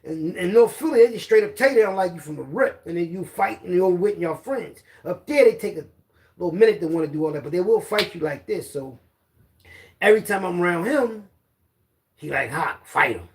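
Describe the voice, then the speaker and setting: A man's voice: high-pitched, lively intonation, fairly quick, a little mellow, slight background noise. A middle-aged man with a Philadelphia accent, telling loose, rambling street stories in casual slang. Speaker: storyteller guest. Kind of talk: casual storytelling.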